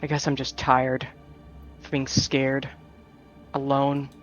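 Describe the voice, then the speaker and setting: A man voicing a young, lonely, wary female vampire in a visual novel read-through, speaking in a quiet, subdued way. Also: medium pitch, monotone, takes it slowly, soft background music, close to an everyday voice. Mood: weary. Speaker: streamer voicing a character. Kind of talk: reading a visual novel aloud.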